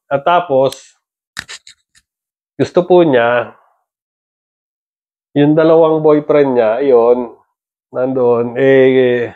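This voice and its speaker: A man's voice: mid-range voice, fairly even intonation, extremely slow, long pauses, narrow, tinny audio. A middle-aged father filming a casual family vlog, playful and teasing, often laughing. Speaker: father and vlogger.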